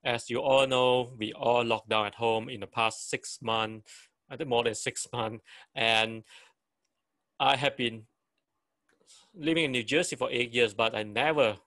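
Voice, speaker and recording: A man in his forties, giving a photography seminar over a video call, talking with frequent restarts and halting phrasing. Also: mid-range voice, a bit bright, dry recording. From Malaysia. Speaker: photography teacher. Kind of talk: online seminar talk.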